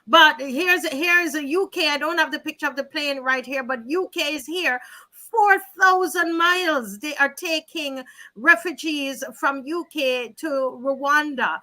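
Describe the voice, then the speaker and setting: A woman's voice: high voice, unhurried, bright, forceful tone. A woman hosting an online panel discussion, asking rhetorical questions and addressing her listeners directly. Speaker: host.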